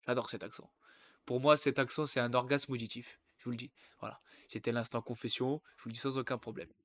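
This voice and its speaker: A man's voice: medium pitch, fairly even intonation, a little fast, fairly bright tone. A man from the Yonne region of France, older than twenty-five, hosting a casual football livestream. He makes jokey asides and breaks off his own sentences as he reads aloud. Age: over 25. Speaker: football streamer.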